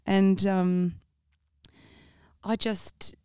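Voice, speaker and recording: A jazz singer from England chats freely as a guest in a casual interview, rambling and restarting. Her English accent mixes Sussex and Essex with a touch of Australian. Her medium-pitched voice is very slow, flat, dark, clear and resonant, recorded dry with clean studio sound.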